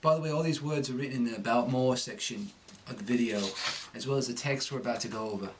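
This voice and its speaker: An accent coach gives a conversational, explanatory pronunciation lesson, demonstrating sounds as he goes. He has a medium-pitched voice and talks fast, with a noisy background.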